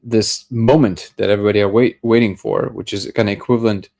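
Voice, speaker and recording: A man hosts a daily livestream, chatting casually, reading comments and greeting viewers by name. His voice sits on the low side with a darkish tone, fairly even intonation and a fairly quick pace.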